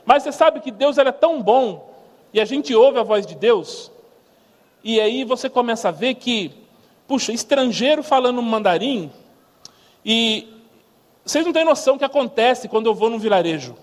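Brazilian man, missionary speaker, lively joking testimony, high voice, long hall echo. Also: normal speed. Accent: Brazilian Portuguese. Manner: lively storyteller who mimics sounds. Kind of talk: humorous church testimony talk.

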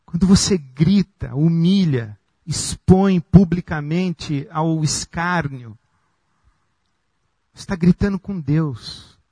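A man preaching a sermon as pastor, slow and emphatic with long pauses. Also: on the high side, mellow, husky, no room sound.

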